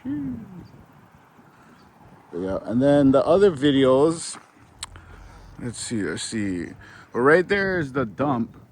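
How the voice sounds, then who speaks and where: A man's voice: mid-range voice, huge pitch swings, slow pace, long pauses. A man vlogging casually while trail riding outdoors, laid-back and out of breath, recorded on an action camera. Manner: laid-back, exclaims and swears on rough trail. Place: outdoor dirt trail on a mountain. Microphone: action camera on the rider. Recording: noisy outdoor action-cam audio.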